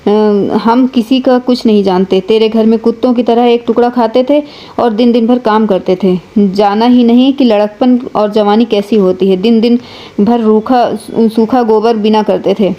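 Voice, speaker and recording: A woman reading the lines of a resentful, hot-headed young village man who shouts insults. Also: a little high, fairly even intonation, normal speed, highs cut off, lightly acted. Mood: furious.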